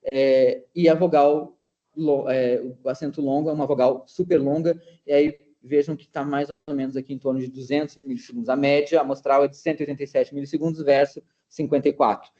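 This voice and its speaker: A man's voice: mid-range voice, dark tone. A man giving an academic seminar talk over a video call, explaining slides step by step with frequent hesitations and restarts. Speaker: linguistics researcher presenting. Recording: dull lo-fi meeting recording.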